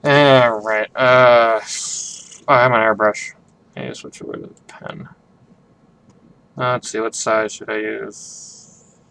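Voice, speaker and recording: A man's voice: on the low side, level tone, takes it slowly, creaky, long pauses, pushed and bright, a little hiss or hum. A man chatting casually on a stream while drawing, rambling and swearing freely. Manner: rambling, profane.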